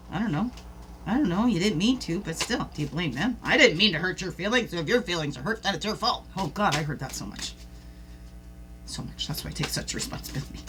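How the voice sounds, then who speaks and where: A woman's voice: on the high side, slight background noise. Chatty woman musing in a spiritual reflection. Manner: rambling, warm-hearted, laughs at herself, asks the listener questions. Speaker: host of a daily reflection show. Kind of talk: casual spiritual reflection talk.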